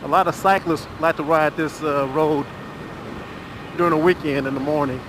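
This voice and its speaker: A middle-aged man, chatting casually while riding a motorcycle. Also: a little high. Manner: relaxed, chatty, drawn-out filler pauses. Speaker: motovlogger. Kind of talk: casual ride commentary. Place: riding a motorcycle on a rural road. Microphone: helmet mic. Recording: wind and engine noise from a motorcycle helmet mic. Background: motorcycle engine and road noise.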